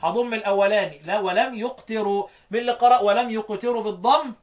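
A man with an Egyptian accent teaching Quran recitation, chanting verse lines slowly and then explaining them quickly while quizzing his students. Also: high voice. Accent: Egyptian Arabic.

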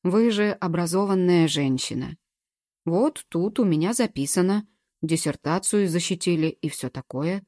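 Audiobook: woman reading a level, pressing male investigator, low, mellow tone. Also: expressive, unhurried, no echo, clean studio sound. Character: calm, firm male investigator.

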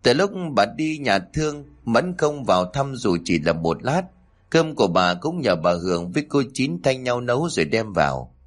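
A man narrating a family story in a steady, plain reading voice. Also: mid-range voice, normal speed.

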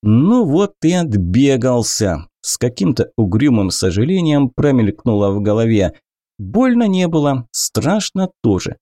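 A man narrating an adventure audiobook in the first person, expressive and acting out the hero's panic. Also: mid-range voice, no echo, studio quality.

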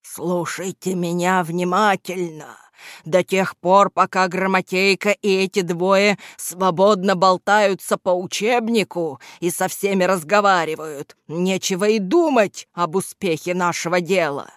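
A woman's voice: lowish voice, a little slow, dry recording, studio quality, natural voice. A woman doing a snappish ink-blot villain boss. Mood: scheming. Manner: irritable, bossy, snapping. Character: gruff scheming male ink-blot villain leader. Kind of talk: storybook reading.

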